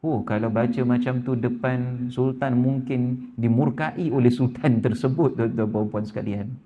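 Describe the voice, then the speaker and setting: A man's voice: fairly even intonation, a little slow, phone-quality sound. A man with a Malaysian Malay accent giving an evening lecture in a mosque, often turning to the congregation and acting out voices in the stories he tells. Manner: addresses audience repeatedly, acts out quoted voices with lifted pitch. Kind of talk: Malay religious sermon. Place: neighbourhood mosque prayer hall.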